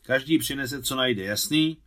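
A man's voice: mid-range voice, a bit bright, pitched above the performer's own voice, natural voice. A man reading a novel aloud, voicing a decisive boy who leads his group of friends. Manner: decisive, commanding. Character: bossy boy, leader of his gang.

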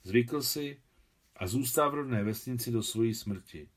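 A weary, humble old man with a hidden past tells his story quietly and confessionally, as a male reader voices him in an audiobook. The voice sits at a middle pitch and stays close to the reader's own. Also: husky, close to an everyday voice. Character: aging man living under a false name, weary and humble. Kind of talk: reading a novel aloud.

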